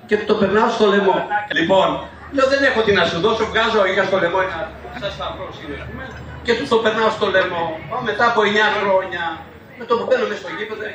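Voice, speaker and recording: An older man telling lively travel anecdotes, quoting people and chuckling through his stories. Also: high-pitched. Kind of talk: anecdotal storytelling. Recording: echoey room from far off, crowd behind.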